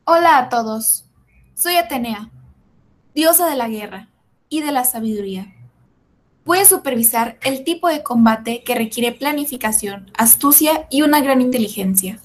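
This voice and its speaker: Woman playing a high-voiced proud war goddess. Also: lively intonation, normal speed. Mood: proud, composed. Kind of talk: acted myth retelling for podcast.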